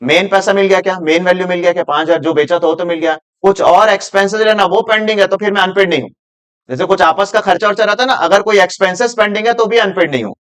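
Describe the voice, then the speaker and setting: A man's voice: high voice, quick pace, a bit bright, clean tone. A male commerce teacher giving a classroom lecture, explaining with everyday examples, asking his students questions and mixing Hindi with read-out English.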